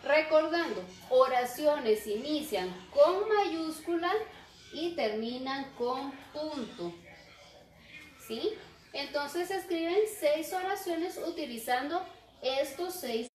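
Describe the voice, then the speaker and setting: A woman teacher giving a lesson, speaking slowly and checking in with rhetorical questions. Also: high voice, expressive, slight background noise. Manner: slow, repeats examples and asks rhetorical checks. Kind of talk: recorded classroom lesson. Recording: echoey room.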